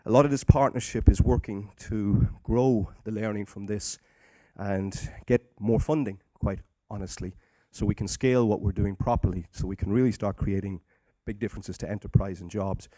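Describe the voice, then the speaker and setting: Dark-toned Irish man chairing. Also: on the low side, steady tone, normal speed, few pauses, no echo. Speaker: conference chair. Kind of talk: moderating conference discussion, unscripted.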